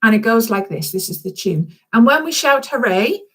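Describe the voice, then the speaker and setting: A children's author talks to young schoolchildren over a live video call from a room in her home, keeping it chatty, informal and encouraging and often checking in with little questions. Her voice sits a little high and sounds animated and a bit bright, at a moderate pace.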